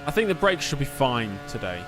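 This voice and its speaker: A man's voice: medium pitch, sing-song, brisk, background noise. A man live-streaming a game, giving casual commentary, replying to chat and muttering to himself.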